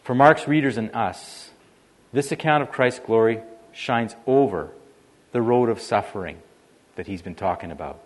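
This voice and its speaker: A man's voice: medium pitch, moderate pace. A man preaching a sermon in a conversational way, shifting his emphasis often. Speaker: pastor.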